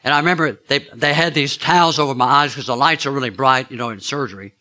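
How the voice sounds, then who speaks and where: A man's voice: mid-range voice, fast, sharp tone. A man preaching, telling a personal story in a chatty way and asking his listeners questions. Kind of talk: storytelling sermon.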